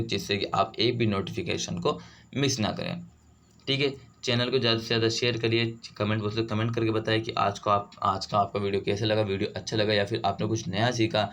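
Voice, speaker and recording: A vocabulary teacher runs an online exam-prep lesson, switching between Hindi and English, reading the English words slowly and repeatedly saying "theek hai" and "doston." His voice is lowish and fairly bright, with a little hiss or hum.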